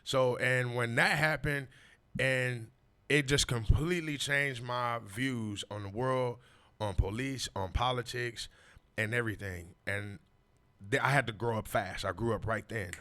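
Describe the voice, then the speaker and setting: A forties-aged man recounts his story on a podcast, speaking casually and emphatically with lots of repeated street slang and "you know what I mean". His voice is medium-pitched, bright and forceful, at a measured pace.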